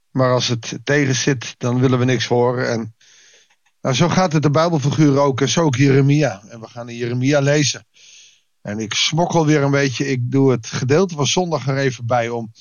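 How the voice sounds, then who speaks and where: A male pastor giving a daily Bible devotional, lively, acting out people's excuses in quoted voices. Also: mid-range voice, no room sound.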